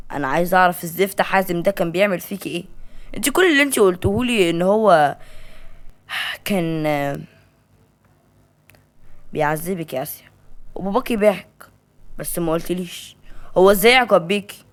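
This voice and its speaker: A woman's voice: on the low side, close to an everyday voice. A woman voicing a protective young man in an Egyptian Arabic accent, earnest and pleading.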